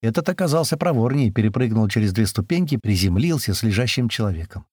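A man reading a first-person audiobook aloud, brisk storytelling with voiced dialogue. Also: lowish voice, lively intonation, a little mellow, no echo, clean studio sound. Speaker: audiobook narrator.

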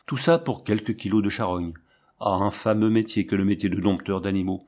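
A man reading the part of a gruff middle-aged menagerie tamer who grumbles and blusters. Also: on the low side, brisk, a little mellow, lightly acted. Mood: bitter.

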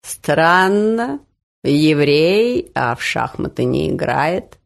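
A suspicious, grumbling old uncle from a storybook reading, voiced by a woman. He speaks low and slow, picking at everyone he doesn't trust. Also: sing-song, vocal fry, exaggerated voice. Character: gruff older man, suspicious, grumbling uncle.

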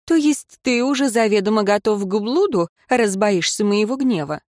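Woman doing a tearful, sharp-tongued heroine. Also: expressive, normal speed, no echo, studio quality, lightly acted. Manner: tearful and high-strung.

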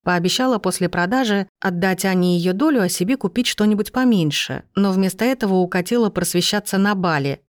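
A woman's voice: medium pitch, a little fast, few pauses, no echo. Woman narrating an audiobook, dry close sound. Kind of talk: scripted narration.

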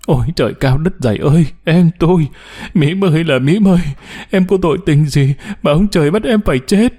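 Guy doing a young mom sobbing and begging, voice pushed up high, audiobook. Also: expressive, a little fast. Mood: wailing. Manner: sobbing, pleading, high and loud. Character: distraught young mother, woman, wailing in grief.

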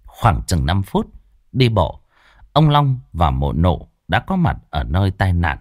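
A man's voice: deep voice, big pitch swings, measured pace, a little mellow, no room sound, clean studio sound. A man narrating a horror story expressively.

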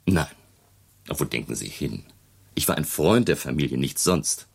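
An indignant, evasive family friend in an old radio play, his voice very deep with a gravelly, husky edge. His pitch leaps and falls as he hammers home his points. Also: lively intonation, unhurried, heavily acted. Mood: defensive, indignant. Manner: indignant, evasive, emphatic stresses. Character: defensive male friend reporting a missing woman. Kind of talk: 1970s radio drama acting.

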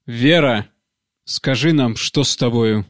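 A stern aging village priest, proud and wounded, pressing his daughter for answers, as a male narrator puts him on. The delivery rises above the reader's usual voice, more forceful and insistent. It is an audiobook reading recorded in a dry, close space. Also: medium pitch, slow, dry recording, lightly acted. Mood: pleading. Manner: pleading then harsh and commanding.

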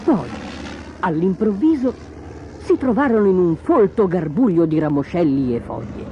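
A woman narrating a children's storybook in an expressive, dramatic way. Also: on the low side, normal speed, slight background noise. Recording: dull lo-fi audio with music behind.

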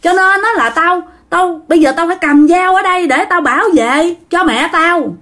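A woman voicing a frantic middle-aged man who holds a knife and shouts threats at an unseen spirit. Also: normal speed. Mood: agitated. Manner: shrill, shouting, repetitive threats.

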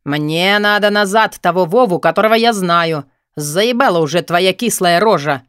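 A man voicing a pushy, crude, excitable young man in an audiobook, raising his voice and pitch to badger a friend. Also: normal speed, no room sound, studio quality. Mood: exasperated. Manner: eager, crude, insistent.

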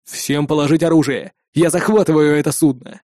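A man's voice: on the high side, steady tone, a little fast, darkish tone, no echo, studio quality, natural voice. A man voicing a cold, brash male officer who snaps threats and orders. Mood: threatening.

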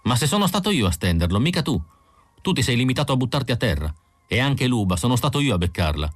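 A man's voice: lowish voice, a little fast, no room sound, natural voice. A man reading an audiobook voices an arrogant, trigger-happy male bounty hunter with a brusque, scornful manner.

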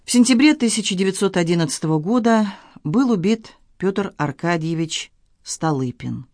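A woman narrating an audiobook in a measured, expressive literary reading style, recorded in a studio. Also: mid-range voice, dry recording.

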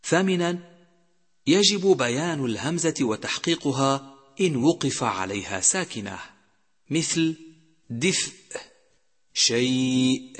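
A man teaching Quran recitation rules in a measured way, slowly drawing out each example word. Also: a little high, expressive, a bit bright, husky. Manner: measured, numbered points, slowly drawn-out example words. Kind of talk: instructional lesson. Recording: long hall reverb.

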